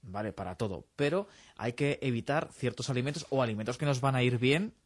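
A man co-hosts a radio show, speaking quickly and dropping jokey comparisons into the chat. He sounds close to a studio mic. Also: mid-range voice. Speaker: radio co-host.

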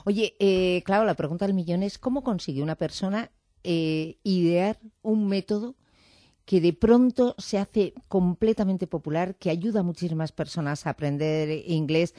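A woman's voice: lowish voice, moderate pace, warm tone, no echo. A woman interviewing a guest in a studio, chatty and teasing. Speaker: radio interviewer. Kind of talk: casual interview.

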